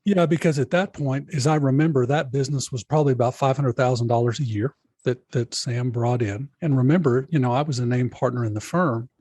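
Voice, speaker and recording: A man's voice: medium pitch, brisk, darkish tone, no echo. A middle-aged man, a lawyer guest on a podcast, telling a personal story in earnest and often addressing the host by name. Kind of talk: storytelling in an interview.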